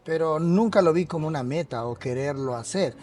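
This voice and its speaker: A man with a coastal Ecuadorian accent, a mountaineer and police officer, telling his story in an earnest, halting way during a café interview. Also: on the high side, a little mellow. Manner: earnest, repeats words while searching for them. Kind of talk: casual interview.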